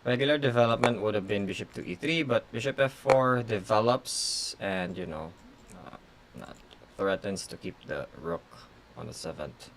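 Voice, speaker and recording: Thinking aloud over blitz games on a live stream, a male chess grandmaster whose native tongue is Tagalog speaks in brief, stop-start bursts full of fillers. His voice sits on the low side, with a little hiss or hum in the background.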